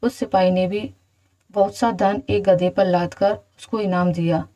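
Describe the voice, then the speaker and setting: A woman narrating a children's fairy tale in a steady, even storytelling manner. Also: medium pitch, unhurried, low-quality recording.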